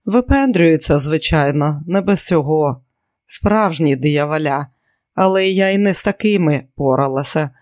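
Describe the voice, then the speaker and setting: Audiobook role: chatty upbeat housekeeper read by a man, lively, a bit higher, dry recording. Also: a little slow, no room sound. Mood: cheerful. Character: cheerful older housekeeper woman, bustling.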